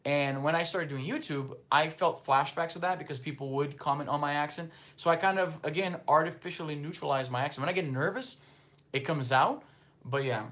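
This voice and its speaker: A Brazilian-born man from northeastern Brazil, whose first language is Portuguese, hosts a casual livestream and reads viewer comments. He has a slight Brazilian Portuguese accent and a bit bright, a little high voice, speaking fairly quickly in a rambling, filler-heavy, loose way.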